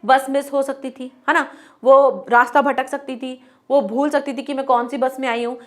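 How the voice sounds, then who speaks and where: A woman teacher with a high, light voice talks students through a lesson. She mixes English terms into her explanation, poses rhetorical questions, and acts out little bits of dialogue to make her points. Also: flat delivery, moderate pace. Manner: explains in Hindi mixed with English words, asking herself rhetorical questions.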